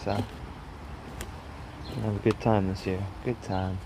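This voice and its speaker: A man with a fairly low voice and plenty of gravelly fry talks casually as he shows a garden. He is laid-back and loosely profane. The recording is outdoors, with clear ambient noise behind him. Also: flat delivery, takes it slowly. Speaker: gardener vlogger. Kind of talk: casual walk-and-talk garden vlog.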